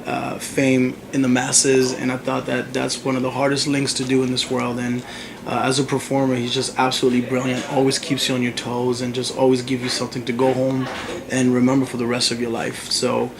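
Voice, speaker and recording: A man's voice: mid-range voice, creaky. A young male musician from the Congo, chatting casually in an interview and telling stories with lots of fillers. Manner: animated storytelling, frequent fillers. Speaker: musician guest. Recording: noisy crowd behind. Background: crowd chatter.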